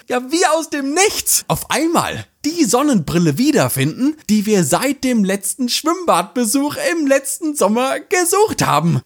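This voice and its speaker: A man hosting his own podcast, delivering a playful, theatrical scripted monologue. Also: sits high. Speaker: podcast host.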